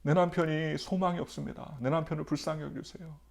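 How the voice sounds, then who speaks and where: A woman's voice: deep voice, steady tone, quick pace, vocal fry, darkish tone, pitched above the performer's own voice. A male preacher voicing a grieving wife who pleads with God in tearful prayer, raised above his own voice. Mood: pleading.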